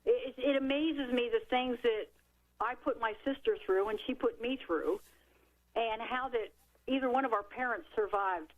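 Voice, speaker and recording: A middle-aged woman, an author and radio guest, telling a childhood story in a lively way and acting out the quotes. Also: fairly high pitch, phone-quality sound. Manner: lively, animated storyteller who acts out quotes. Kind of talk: storytelling in a talk radio interview.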